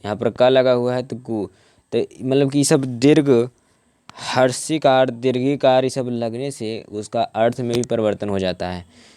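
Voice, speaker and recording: A young man teaching grammar from his notes, often repeating words and restarting, and slowing down to spell out word parts. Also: mid-range voice, fairly even intonation, dark tone, smooth, no echo. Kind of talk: explaining from notes to camera.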